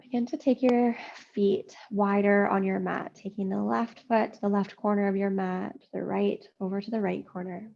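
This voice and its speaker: Woman yoga instructor, gravelly and mellow, slow and soothing, steady, even delivery. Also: medium pitch, lo-fi sound. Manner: slow, soothing, drawn-out phrasing with long pauses. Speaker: yoga teacher. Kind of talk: slow guided yoga meditation.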